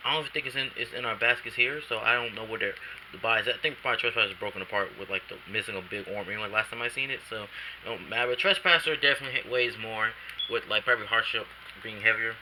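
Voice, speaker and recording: A man's voice: lowish voice, fast talker, pushed and bright, a little hiss or hum, low-quality recording. A man reviewing an action figure at home in a rambling, casual way, often restarting his sentences, a bit drowsy after a nap, recorded on a camcorder. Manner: rambling, self-correcting, casual slang. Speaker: toy reviewer.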